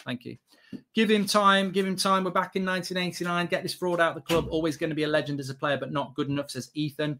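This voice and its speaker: A man's voice: fairly high pitch, steady tone, racing, hardly any pauses, fairly bright tone. A man, reacting live to a football match as a watchalong host, exasperated, emphatic, repetitive and sweary. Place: small indoor studio set at a desk.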